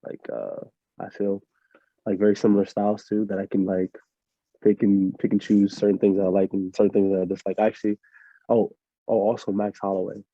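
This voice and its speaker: A young man from Miami, a fighter answering interview questions in a relaxed, rambling way full of fillers. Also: lowish voice, fairly quick, dry recording. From Miami, USA. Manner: laid-back, rambling with many fillers. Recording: muffled lo-fi audio.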